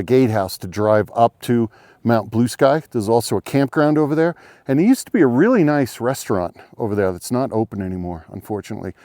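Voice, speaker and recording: A man talking casually on an outdoor hike, a little out of breath at altitude. His voice is mid-pitched and dry, close to the camera with no room sound around it. He explains things in a relaxed, rambling way, with frequent ums and restarts. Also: dry recording. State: slightly out of breath. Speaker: hiking vlogger. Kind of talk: casual outdoor vlog narration. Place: outdoors on a snowy trail by a lake.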